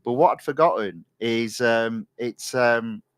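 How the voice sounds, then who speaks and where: Relaxed man commentating a racing stream. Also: medium pitch, slow pace, no room sound. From England. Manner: relaxed, chatty, many ums and uhs, reads chat aloud. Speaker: gaming streamer. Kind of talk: casual live-stream commentary while racing.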